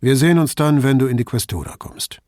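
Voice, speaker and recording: A man reading an audiobook, voicing a gruff, skeptical male police inspector who grumbles slowly and doubts. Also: medium pitch, a little mellow, no room sound, clean studio sound, lightly acted.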